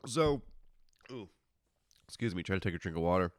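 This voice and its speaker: With his sinuses congested and nose stuffed, a low-voiced man hosts a solo podcast, speaking casually and briskly with lively intonation. The dry, close recording keeps his voice smooth and clean. He is informal, grumbling in asides and often cutting into his own sentences.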